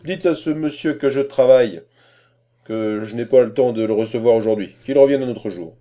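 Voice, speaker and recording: Un homme qui joue un philosophe impatient et pompeux, d'un ton fort, brusque et sermonneur. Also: male voice, on the low side, steady tone, normal speed, close to an everyday voice. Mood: irritated. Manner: loud, brusque, lecturing. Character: gruff pompous male philosopher, impatient.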